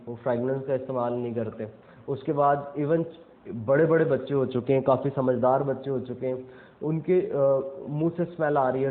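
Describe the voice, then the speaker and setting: A young man, giving a casual instructional talk and explaining step by step with frequent check-ins. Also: medium pitch. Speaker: self-improvement speaker. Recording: tinny phone-like audio.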